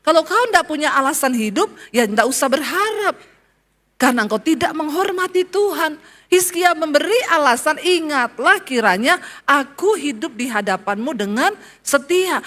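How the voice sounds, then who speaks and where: A middle-aged woman pastor preaching a sermon with passion, telling her own story and swinging from soft to loud. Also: sits high. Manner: impassioned preaching with personal testimony, swinging between soft and loud.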